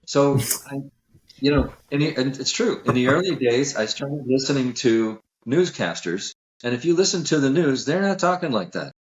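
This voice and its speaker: A man's voice: medium pitch, expressive, normal speed, reverberant, dull audio. A man who works as a sales coach, speaking as a guest on a podcast interview in an emphatic, self-assured, lecturing way.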